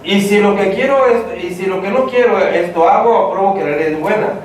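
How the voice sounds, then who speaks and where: A man preaching an evangelistic sermon, lively and speaking straight to the congregation, acting out inner voices. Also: high voice, fairly quick, slight background noise. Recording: echoey church hall from far off.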